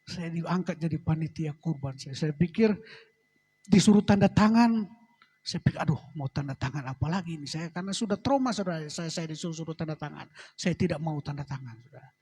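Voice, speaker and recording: A middle-aged man, a pastor, giving a personal testimony in church and ending phrases with a soft, trailing address to the congregation. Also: fairly high pitch, a little fast, breathy edge. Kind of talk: sermon testimony.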